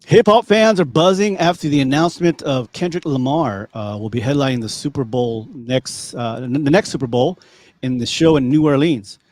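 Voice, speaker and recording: A podcast host with a Californian accent chats casually in a mid-range voice at normal speed. He's relaxed and rambling, full of fillers and restarts.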